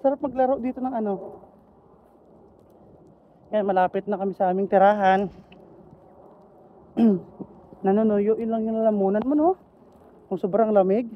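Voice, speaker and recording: A man with an Ilonggo accent chatting casually on a walking vlog outdoors, playful and quick to laugh. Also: high voice, phone-quality sound, slight background noise. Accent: Ilonggo Filipino. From Philippines. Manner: playful, laughs often, jokes around. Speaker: vlogger. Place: outdoors on a cold street.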